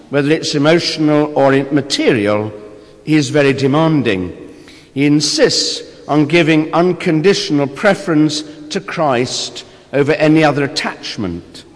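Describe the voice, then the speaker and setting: A male priest speaks from scripture to a congregation in a slightly high voice. His delivery is slow, deliberate and solemn. Every phrase rings with a long cathedral echo in a large, reverberant church. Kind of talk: Gospel reading and homily.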